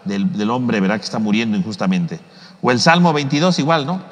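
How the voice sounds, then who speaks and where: A man's voice: mid-range voice, expressive, fairly quick, in a large hall. A man teaching scripture in a parish course, chatty, ending nearly every sentence with a tag question. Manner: ends almost every sentence with a tag question and acts out the mockers' words. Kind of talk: conversational Bible teaching. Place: church or parish hall.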